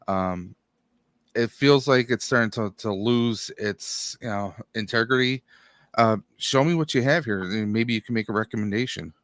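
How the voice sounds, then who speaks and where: A man playing a tabletop game, talking in character as a customer, halting and rambling, with many fillers. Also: on the low side, fairly bright tone, dry recording. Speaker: player. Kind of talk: in-character roleplay.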